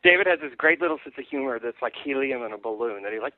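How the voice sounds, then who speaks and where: A man's voice: mid-range voice, expressive, rapid-fire, no echo. A man as an interview guest, talking in a playful, teasing way and laughing often. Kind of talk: casual interview chat. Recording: tinny phone line.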